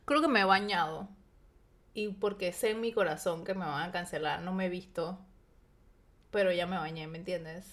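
A woman's voice: on the low side, normal speed, fairly bright tone. A young woman co-hosting a casual podcast drinking game, dramatic and squeamish, dropping English slang into her Spanish. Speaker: podcast co-host.

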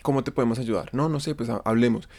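A man's voice: mid-range voice, fast talker, darkish tone. Slangy Colombian man telling work stories. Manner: slangy, profane, acts out quoted dialogue. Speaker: interview guest. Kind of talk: casual conversational storytelling.

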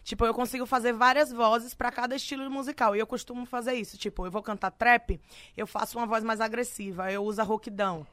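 Bright, high-voiced Brazilian woman. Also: fast, no echo. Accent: Brazilian Portuguese. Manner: animated, slangy storytelling with frequent laughs. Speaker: singer guest. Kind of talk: casual podcast chat.

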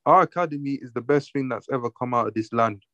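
A man's voice: medium pitch, quick pace, fairly bright tone, no room sound, lo-fi sound. A man with a London accent talking casually about football in emphatic, slangy roadman style.

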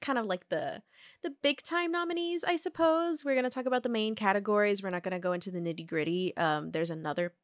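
A young woman hosting a casual film podcast, chatty and quick to laugh, with plenty of fillers. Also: medium pitch, dry recording, clean studio sound. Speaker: podcast host.

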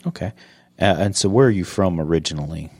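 A man's voice: sits low, quick pace, darkish tone, slightly rough, dry recording, studio quality. A man from South Carolina hosting a county podcast interview, easygoing and teasing, often restarting his sentences. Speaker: podcast host. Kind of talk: casual interview chat.

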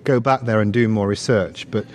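A man's voice: on the low side, steady tone, normal speed, slight background noise. A man, a guest on an interview show, telling long stories with many restarts and easy laughs. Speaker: guest, researcher. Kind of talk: casual interview chat.

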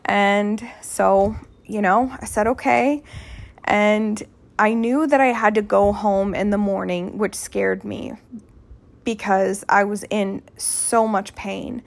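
A woman's voice: medium pitch, fairly even intonation, slow, creaky. A woman podcast host casually telling a candid personal story, chatty and rambling, restarting her sentences as she goes.

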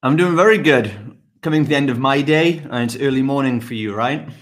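Upbeat man from the UK. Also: medium pitch. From United Kingdom. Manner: energetic, upbeat, quick answers. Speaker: guest, fitness business mentor. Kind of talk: podcast interview.

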